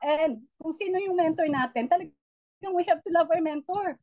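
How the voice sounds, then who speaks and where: A middle-aged woman mentor giving a motivational training talk, with a naturally loud voice and a preachy, encouraging manner. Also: very high voice, moderate pace, dry recording, dull audio. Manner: loud voice, warm and preachy, mixing English in. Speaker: network marketing mentor.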